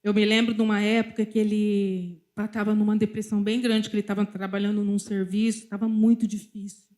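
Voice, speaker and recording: A woman's voice: mid-range voice, flat delivery, fairly quick, darkish tone. A middle-aged woman with a Brazilian Portuguese accent, speaking at a church and preaching through personal stories while talking directly to the congregation. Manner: storytelling, often addressing the congregation directly. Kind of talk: sermon with personal testimony.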